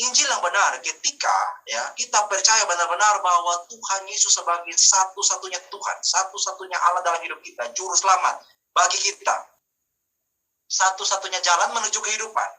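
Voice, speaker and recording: A man preaches to a group over a video call, firing rhetorical questions at them and pausing for amens. His voice is sharp and bright, and it sounds picked up from a distance by the call's mic. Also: sits high. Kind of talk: online Bible teaching.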